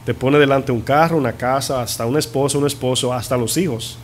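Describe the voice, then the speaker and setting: A man's voice: mid-range voice, fairly even intonation, a little hiss or hum. Man preaching a teaching sermon. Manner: teaching, asks the congregation questions; stretches key words slowly for emphasis. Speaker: pastor. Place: church.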